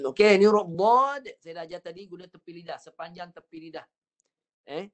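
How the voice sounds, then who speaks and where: A man with a Malaysian Malay accent leads an online Quran reading class over a video call. His voice sits high for a man, and he coaches with patience, stretching out words slowly to demonstrate them. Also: expressive, a bit bright. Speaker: Quran recitation teacher.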